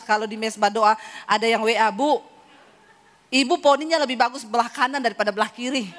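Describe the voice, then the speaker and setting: Woman from sulawesi preaching, high voice, lively and laughing a lot. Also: slight background noise. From Sulawesi, Indonesia. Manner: animated, laughing storyteller. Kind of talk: humorous sermon.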